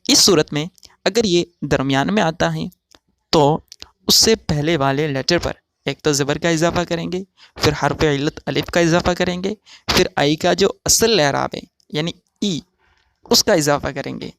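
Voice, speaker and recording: A man teaching English pronunciation in a slow, methodical way, drawing out each example word. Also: a little high, creaky, fairly bright tone, dry recording. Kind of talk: recorded pronunciation lesson.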